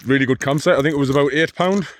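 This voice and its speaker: Out on a hill trail, a long-distance hiker vlogger records a casual walking vlog. He mumbles in a deep voice at a rapid-fire clip, rambling with restarts and tossing in dry, self-mocking asides.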